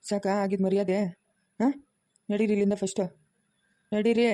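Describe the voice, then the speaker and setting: A man's voice: sits high, little pitch movement, normal speed, mellow, lightly acted. A man playing a scornful domineering village elder. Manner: scornful and commanding, barking orders. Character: domineering, insulting rural man throwing relatives out. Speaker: actor in a family web drama. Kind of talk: village family drama acting.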